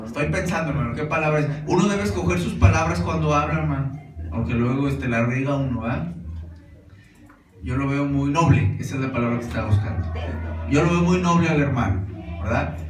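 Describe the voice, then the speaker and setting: A high-voiced man preaches to his congregation. He talks in a relaxed, conversational way, asking questions and repeating "brothers." The sound is roomy and distant, with music in the background. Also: fairly quick. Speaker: pastor. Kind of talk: sermon. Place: church hall. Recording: roomy echo, distant mic, music behind.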